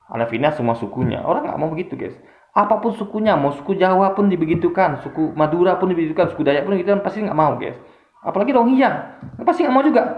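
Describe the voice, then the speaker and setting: Seorang pria bersuara agak tinggi menyampaikan opini secara santai tetapi sungguh-sungguh, dengan nada yang bergairah dan berubah-ubah. Rekamannya menggema dan sedikit redup, seperti direkam di ruangan dengan mikrofon sederhana. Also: male voice, fairly high pitch. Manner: earnest, appealing directly to viewers as guys; repetitive, with many restarts. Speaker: commentator. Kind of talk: casual opinion monologue. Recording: echoey room, muffled lo-fi sound.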